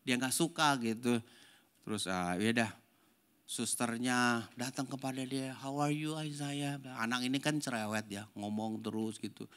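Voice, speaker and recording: An older man, a pastor, preaching a sermon and telling a family story, swinging between loud emphatic lines and hushed, soft passages. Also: medium pitch, moderate pace, clean tone.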